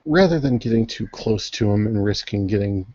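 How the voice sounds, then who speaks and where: A man's voice: lowish voice, animated, a little fast, darkish tone, no room sound. A man chatting casually with friends about a tabletop game, telling character stories with laughs. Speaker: tabletop player. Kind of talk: casual chat. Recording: dull lo-fi stream audio.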